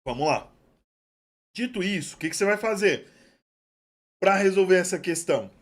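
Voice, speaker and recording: A male teacher giving an online exam-prep lesson, chatty and affectionate, drawing out key terms slowly. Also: sits high, animated.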